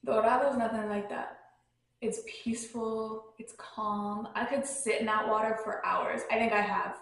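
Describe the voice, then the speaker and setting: A woman's voice: fairly high pitch, steady tone, a little slow, vocal fry, a bit bright. A young woman hosting a podcast, chatting in a rambling way full of filler words, recorded at home on a phone. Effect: recorded on a phone, echoey. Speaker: podcast host. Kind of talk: casual travel chat. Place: at home near her dogs.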